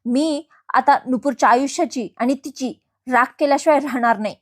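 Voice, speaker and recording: A woman's voice: high-pitched, a little fast. A woman voicing a scheming, possessive woman who scolds sharply. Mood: angry. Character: hot-tempered scheming woman, fiercely possessive.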